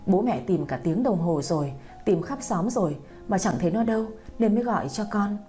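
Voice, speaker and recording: A woman voicing an older countryside mother who is crying, speaking in a hurried, tearful way. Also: medium pitch, expressive, mellow, soft background music, lightly acted. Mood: anxious.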